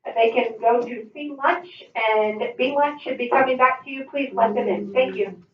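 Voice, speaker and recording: A woman making a polite, businesslike announcement to teachers over a school intercom loudspeaker. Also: a little high, moderate pace, a little hiss or hum. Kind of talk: public address announcement to teachers. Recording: muffled echoey loudspeaker from far off.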